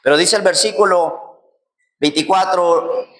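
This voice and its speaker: High-voiced pastor preaching. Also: male voice, unhurried. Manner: swings between loud emphatic lines and low soft passages; acts out quoted voices and prayers. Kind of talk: sermon.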